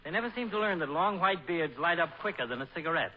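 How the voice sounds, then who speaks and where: Muffled by a noisy old broadcast recording, a genial doctor played by a man speaks in a slightly high register. He is dry and wordy, trading needling insults with mock courtesy in radio-comedy style. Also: animated, quick pace, close to an everyday voice. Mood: teasing. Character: droll, needling family doctor, genial underneath. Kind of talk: 1940s radio comedy acting.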